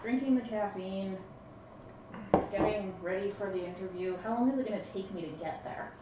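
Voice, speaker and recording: A woman's voice: mid-range voice, moderate pace, heavy background noise. A woman playing a tabletop role-playing game, talking in a casual, wry way. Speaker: player. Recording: very echoey, far from mic.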